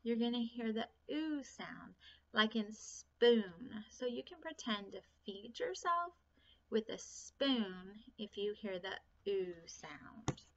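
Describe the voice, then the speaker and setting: A woman teaching a phonics lesson to young children, speaking slowly and deliberately, stretching out sounds and repeating each word. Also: on the high side, expressive. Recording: slightly dull lo-fi recording.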